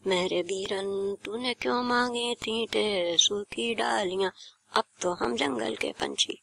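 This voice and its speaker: A mournful kite-mother singing slowly, put on by an old woman. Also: mid-range voice, creaky, a bit bright. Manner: slow lilting sung refrain.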